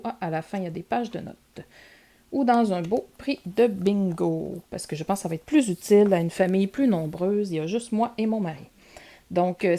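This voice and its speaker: A woman's voice: medium pitch, dark tone. A woman with a Québécois accent chatting casually as she shows off her purchases in a vlog, using lots of filler words. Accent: Québécois French. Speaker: vlogger showing purchases. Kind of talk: casual show-and-tell vlog.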